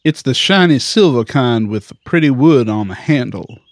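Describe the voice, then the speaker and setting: A man doing a naive, deadpan young guy. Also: medium pitch, moderate pace, no echo, natural voice.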